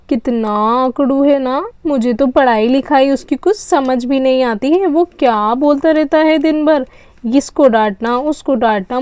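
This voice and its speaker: A woman's voice: high voice, a little mellow, dry recording. A woman voicing a chatty, carefree young woman college student in a doll story.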